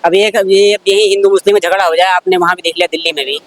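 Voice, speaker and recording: A man answering a street interviewer, arguing rapidly and with heat. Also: high-pitched, fairly even intonation, fairly bright tone, dry recording.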